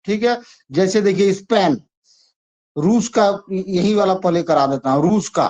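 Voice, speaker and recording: Slow-talking teacher drilling memory tricks. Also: male voice, high voice, darkish tone. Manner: chatty, repetitive, coaxing. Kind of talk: exam-prep lesson with memory tricks. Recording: dull lo-fi sound.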